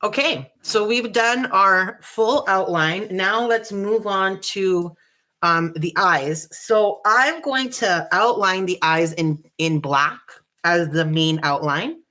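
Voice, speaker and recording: A woman hosting a live dot painting tutorial, chatty and relaxed, joking about her own nerves. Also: medium pitch, slow pace. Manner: chatty, relaxed, self-deprecating. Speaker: craft tutorial host.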